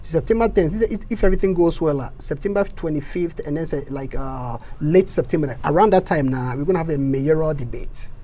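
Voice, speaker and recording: A council candidate with a Ghanaian accent speaks passionately in an interview, stammering over repeated words and swelling into loud, preacher-like bursts. His voice is fairly high and a little fast.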